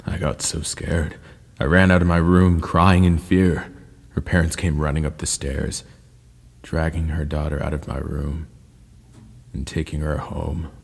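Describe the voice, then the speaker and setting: A man narrating scary first-person stories in a slow, ominous storytelling manner. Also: rumbling low, little pitch movement, creaky, husky. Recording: long reverb with faint ambient noise.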